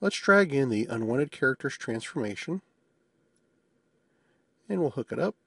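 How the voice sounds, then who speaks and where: A man talks through a software demo in a relaxed, matter-of-fact way, throwing in the odd small joke. His mid-pitched voice is a bit husky. It is recorded dry and close, with no room sound. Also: normal speed, no room sound. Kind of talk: screencast tutorial narration.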